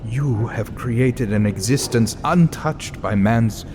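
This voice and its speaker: An actor playing an earnest, thoughtful professor in an audio drama, eloquent and deliberate, with a sense of wonder. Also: male voice, medium pitch, noisy background, close to an everyday voice. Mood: awestruck.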